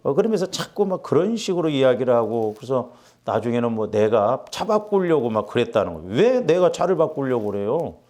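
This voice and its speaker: A man's voice: mid-range voice, fairly quick. Middle-aged pastor guy preaching, voice swinging all over, acts out what people said. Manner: animated, acts out quotes with rising intensity. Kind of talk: sermon with storytelling.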